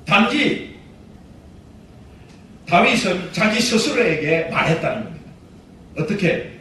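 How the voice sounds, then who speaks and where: A man, a pastor, preaching a sermon with emphatic exhortation that swings between loud commands and quiet asides. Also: high voice, very animated, unhurried, distant mic. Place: church sanctuary. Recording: echoey hall, voice heard from afar, faint noise.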